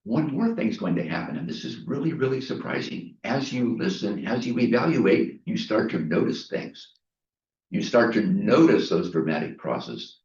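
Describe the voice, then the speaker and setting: A man's voice: lowish voice, big pitch swings, normal speed, darkish tone, distant mic. A man giving a prepared inspirational speech at a club meeting, storytelling with emphatic repetition. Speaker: Toastmasters speaker. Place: meeting room. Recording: echoey room, mic from afar, dull.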